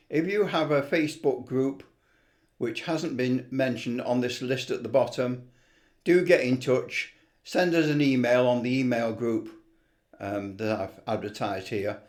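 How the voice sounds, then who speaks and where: Casual and unscripted, a CB radio hobbyist presents a screen tutorial as an amateur video maker, muttering and rambling somewhat as he goes. His mid-range voice is a little mellow.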